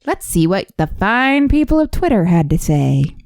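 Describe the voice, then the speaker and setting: A woman's voice: mid-range voice, sing-song, moderate pace, creaky, a little mellow, dry recording, clean studio sound. A woman co-hosting a casual podcast, teasing her co-host and laughing often.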